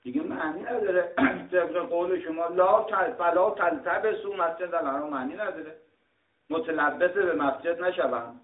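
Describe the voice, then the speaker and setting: A middle-aged man from Iran teaching a scripture lesson, arguing points and explaining word meanings, often clearing his throat. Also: a little high. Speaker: religious teacher. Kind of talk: lecture on scripture. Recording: tinny, roomy, distant mic.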